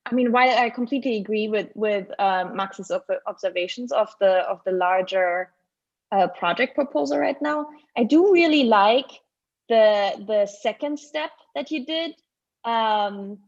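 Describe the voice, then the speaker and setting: A woman with a German accent giving a halting, filler-heavy critique of student projects over a video call. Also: mid-range voice, muffled recording. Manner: hesitant, many restarts and fillers. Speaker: guest critic. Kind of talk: online design review critique.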